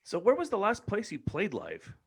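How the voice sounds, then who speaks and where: A man's voice: high-pitched, moderate pace, breathy edge. Guy hosting a podcast on a video call, voice bouncing all over, joking around. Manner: lively, laughing, teasing. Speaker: podcast host.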